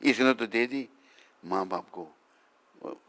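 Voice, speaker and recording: A man's voice: mid-range voice, takes it slowly, fairly bright tone. A man, a swami, giving an informal spiritual talk to devotees, chatty and teasing, often asking if he is right.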